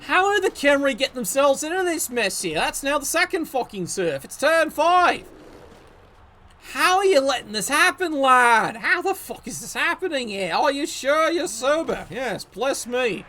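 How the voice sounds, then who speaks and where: High, lively sarcastic male commentator. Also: measured pace. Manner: sarcastic, profane, joking. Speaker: league match commentator. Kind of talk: video game match commentary.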